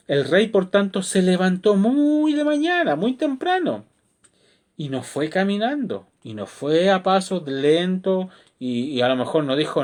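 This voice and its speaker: Animated, higher-voiced male preacher. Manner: expressive, asks rhetorical questions. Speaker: pastor. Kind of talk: devotional sermon.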